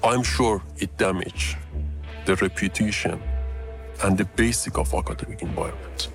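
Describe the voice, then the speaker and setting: Pitch-shifted deep disguised man. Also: moderate pace, creaky, over music. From Iran. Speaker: interviewed researcher. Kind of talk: interview clip.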